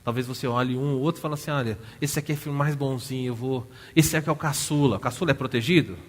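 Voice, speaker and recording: A man with a Brazilian Portuguese accent preaching a sermon, telling a story with lively rhetorical questions to the congregation. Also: mid-range voice, fast talker. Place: church hall. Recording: church hall reverb.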